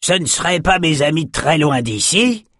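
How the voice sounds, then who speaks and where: A jovial lone fisherman who is at ease at sea and quick with a joke, as a male narrator puts him on. He speaks a little higher than the storyteller's own voice, in a dry audiobook recording. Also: lively intonation, a bit bright, no room sound. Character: cheerful lone male fisherman, bare-chested.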